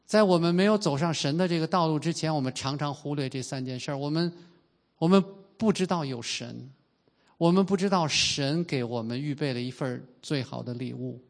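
A man in his fifties, from China, delivers an earnest sermon in a voice a little higher than most men's. He slows right down and draws out the key phrases. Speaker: pastor.

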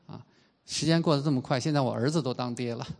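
Earnest middle-aged man preaching slowly. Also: mid-range voice, vocal fry, a little mellow. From China. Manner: earnest preaching, slows and stretches key phrases. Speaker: pastor. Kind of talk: sermon.

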